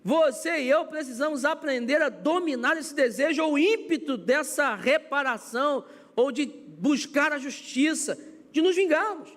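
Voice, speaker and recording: High-voiced Brazilian pastor preaching. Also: male voice, measured pace. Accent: Brazilian Portuguese. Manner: animated, acts out everyday scenes with quoted voices. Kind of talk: sermon. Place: church sanctuary. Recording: long church hall reverb.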